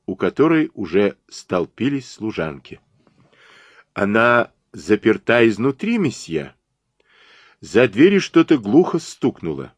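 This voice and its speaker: A man narrating an audiobook in an expressive, dramatic reading, recorded on a close studio mic. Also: medium pitch, no room sound. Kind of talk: scripted narration.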